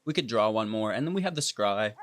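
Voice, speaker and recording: A man's voice: on the low side, lively intonation, quick pace, a bit bright, no room sound, studio quality. A man giving casual, playful commentary over his own card game, teasing his opponent as he plays. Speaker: gaming video host.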